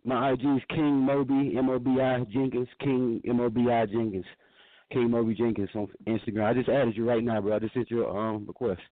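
A man's voice: mid-range voice, level tone, brisk, no echo. A man from Georgia, calling into a show and chatting casually. He is laid-back and profane, and he repeats himself. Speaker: caller. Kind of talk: casual call-in chat. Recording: tinny phone-line audio, dry.

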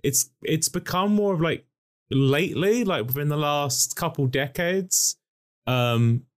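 A man's voice: fairly high pitch, unhurried. A man from the UK in casual chat, joking, laughing often and swearing casually. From United Kingdom.

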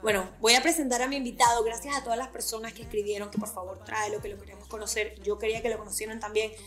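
A woman hosts a casual podcast in Caribbean Venezuelan Spanish. Her voice sits fairly high yet has a husky touch, and she talks in a teasing, irreverent manner over some music. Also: steady tone, rapid-fire, fairly bright tone. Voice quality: slightly husky. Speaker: podcast host. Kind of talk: casual, playful podcast chat.

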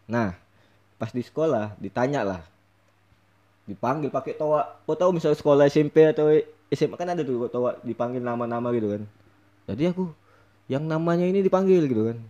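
A young man telling a story in casual chat, animated and laughing often as he acts out what people said. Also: medium pitch, lo-fi sound. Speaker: storyteller guest.

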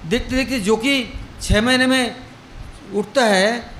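A man's voice: extremely high pitch, takes it slowly, fairly bright tone, slight background noise. A male preacher telling a devotional story in a sermon, acting out the characters' dialogue as he goes. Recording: echoey room with faint ambience.

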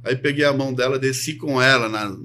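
A man with a São Paulo accent, a guest in casual podcast chat who tells animated stories and acts out the voices in his quotes. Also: mid-range voice, a little fast. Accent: Brazilian Portuguese, São Paulo. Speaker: guest, bodybuilding judge and coach.

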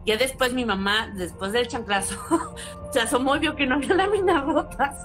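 A woman with a Mexican accent telling a personal story in casual chat, acting out quotes with sudden high exclamations. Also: normal speed. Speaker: guest storyteller. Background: background music.

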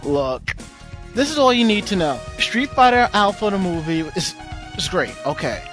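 A man's voice: high voice, very animated, moderate pace, fairly bright tone. A man hosting a podcast in casual banter, opinionated and given to emphatic repetition. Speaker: podcast host. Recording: music playing behind the voice.

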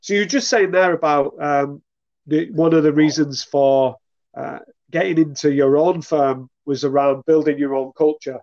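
A man's voice: on the high side, moderate pace, a little mellow, no echo, lo-fi sound. A man with a Greater Manchester accent, hosting a podcast interview in an informal, conversational way. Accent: northern English, Greater Manchester. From Rochdale, northern England. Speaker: podcast host. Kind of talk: casual interview.

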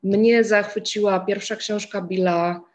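A woman with a hoarse voice moderating a book club discussion, reflecting on a book and inviting others to speak. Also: mid-range voice, fairly even intonation, a little slow, a little mellow.

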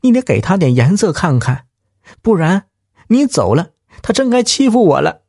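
A sharp-tongued young village wife, put on by a male storyteller, her voice pushed up high and shrill. She demands and scolds in a dry, close recording, her pitch leaping around with every outburst. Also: sing-song, normal speed, gravelly, no echo, full character voice. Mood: indignant.

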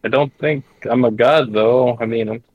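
A man's voice: mid-range voice, fairly even intonation, normal speed, no echo, dull audio. Hesitant man playing a tabletop game. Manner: hesitant, stammering restarts. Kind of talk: casual in-character play.

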